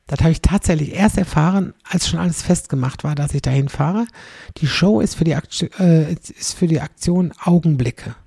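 A woman's voice: low voice, creaky, mellow, breathy edge, no room sound, clean studio sound. A middle-aged woman comedian chatting in a rambling, storytelling way, always checking in with the listener. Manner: chatty, rambling, tag questions "ne?". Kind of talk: casual storytelling monologue.

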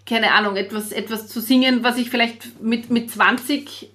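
A woman's voice: fairly high pitch, fairly even intonation, normal speed, a bit bright. A middle-aged woman, a singer, chatting casually and explaining things at length, often repeating words as she thinks. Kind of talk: casual chat.

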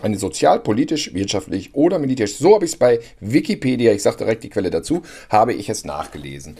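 A man's voice: lowish voice, sing-song, fast talker, warm tone, husky. A man co-hosting a podcast, chatting casually, teasing his partner and searching for words with fillers. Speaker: podcast co-host.

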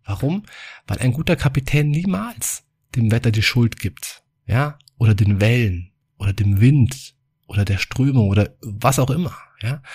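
Relaxed male self-help podcast host. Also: medium pitch, breathy edge. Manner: relaxed storytelling, chatty with fillers. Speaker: podcast host, psychology coach.

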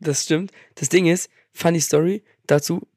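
A man's voice: fairly high pitch, steady tone, moderate pace, darkish tone, dry recording, clean studio sound. A young man co-hosting a podcast in casual chat, laid-back and agreeable, telling stories with slang. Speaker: podcast co-host.

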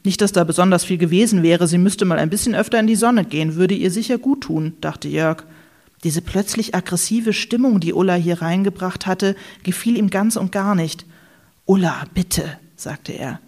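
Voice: medium pitch, normal speed, a little mellow. Dry, ironic audiobook narrator. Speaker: audiobook reader. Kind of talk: scripted narration of a satirical novel.

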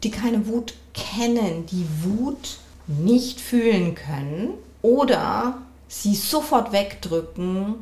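A woman coach and couples therapist hosting her own podcast, speaking in a measured, reflective way and often affirming herself with a soft "ja". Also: medium pitch, animated, roomy sound. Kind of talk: calm solo podcast talk.

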